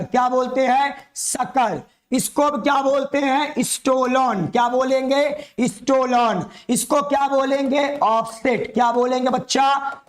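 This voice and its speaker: A male teacher giving an online class, drilling students with repeated questions and calling them dear children. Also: extremely high pitch. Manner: call-and-response drilling, repeats each question, coaxing.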